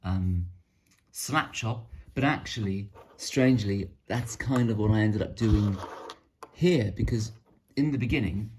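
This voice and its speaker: A man's voice: on the low side, unhurried, darkish tone, slight background noise. A man casually showing off his painted miniatures, rambling and self-deprecating. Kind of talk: casual hobby show-and-tell.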